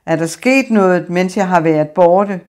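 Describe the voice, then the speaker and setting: A woman's voice: lowish voice, darkish tone, lightly acted. A woman voicing a grieving, despairing man who speaks in weary laments.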